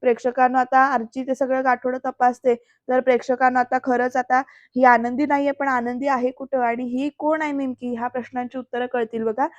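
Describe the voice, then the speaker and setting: Woman doing serial episode recap voice-over, talks to viewers a lot, high flat voice, dry muffled audio. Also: a little fast, no echo. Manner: addresses viewers often, acts out quotes. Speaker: serial review narrator.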